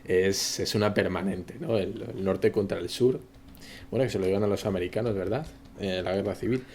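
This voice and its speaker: A man's voice: deep voice, fairly even intonation, a little fast, darkish tone. A man with a Spain Spanish accent guiding a casual podcast chat with questions. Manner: asks questions, moderates.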